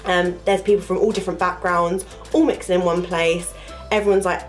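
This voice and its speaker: A young woman vlogger, a university student, tells a rambling story to camera in a lowish voice with fairly even intonation, keeping a brisk pace. The flu has made her congested and nasal, she fills her talk with fillers, and faint music plays behind.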